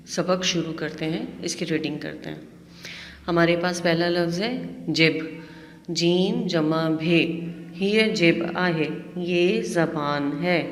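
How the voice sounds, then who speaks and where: A woman teacher giving a slow, patient classroom lesson, spelling out words letter by letter. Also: fairly low pitch, slight background noise. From Pakistan. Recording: echoey room with long reverb.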